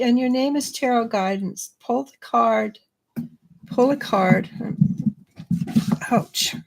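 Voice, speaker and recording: A woman giving live tarot readings in a chatty way, laughing now and then. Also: on the high side. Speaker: psychic reader.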